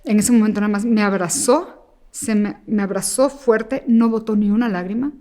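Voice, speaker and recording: A woman guest telling an emotional personal story, acting out the voices of the people in it and sometimes rushing through in fast bursts. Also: medium pitch. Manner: animated, acts out quoted dialogue. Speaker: interview guest.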